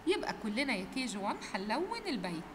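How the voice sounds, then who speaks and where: A woman's voice: fairly high pitch, very animated, very fast, long reverb tail, noisy background. A young woman with an Egyptian accent, a kindergarten teacher giving a recorded phonics lesson, stretching out letter sounds and quizzing the class in a sing-song way.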